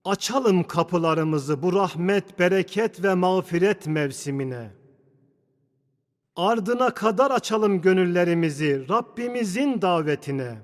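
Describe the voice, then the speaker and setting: Guy preaching a formal sermon, really slow and declamatory, big cathedral echo all over it. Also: high-pitched, lively intonation. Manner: measured, declamatory, with deliberate pauses between phrases. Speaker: preacher delivering a Friday sermon. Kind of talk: formal sermon, solemn oratory. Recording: long cathedral-like echo of a large hall.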